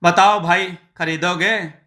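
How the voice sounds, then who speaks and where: A man's voice: high voice, steady tone, slow pace, bright, forceful tone, exaggerated voice. A man voicing a cheerful, hardworking village farmer who likes playful, teasing banter.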